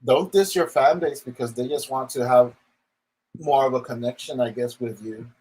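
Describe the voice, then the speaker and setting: A man's voice: mid-range voice, moderate pace, darkish tone, breathy edge, rough recording. Man on a rambling, casual rant. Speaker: online commentator.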